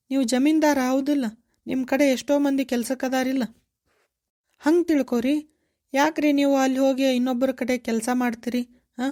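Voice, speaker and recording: A woman's voice: sits high, darkish tone, close to an everyday voice. A woman voicing a devoted, emotional young village woman with a North Karnataka Kannada accent, pleading and insistent. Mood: hurt. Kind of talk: cartoon voice acting.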